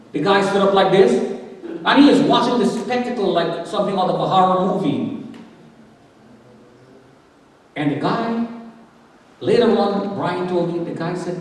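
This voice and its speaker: A man giving a dramatic testimony as guest speaker in church, acting out the words of the people in his story. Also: sits high. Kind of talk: testimony sermon. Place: church sanctuary. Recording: echoey church hall from far off.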